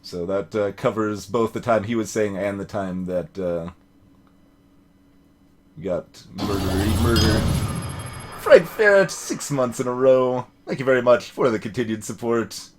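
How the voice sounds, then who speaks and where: A game streamer gives live let's play commentary, mixing wry, joking asides with voiced readings of dialogue. His voice is fairly low and a little slow, with game music and slight background noise.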